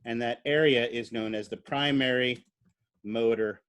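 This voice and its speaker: This biology lecturer teaches his class in a relaxed, chatty manner, his pitch sitting in the middle range and his intonation fairly even. He says "uh" often, pauses to quiz the students, and sounds unhurried and slightly bright, like any ordinary classroom talk.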